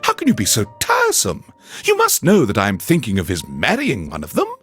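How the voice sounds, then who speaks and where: A man voicing a fussy, excitable middle-aged wife in a theatrical, gushing storybook reading. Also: medium pitch, fairly quick, soft background music. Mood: exasperated. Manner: theatrical, fluttery, exclamatory. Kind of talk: storybook reading in a game radio show.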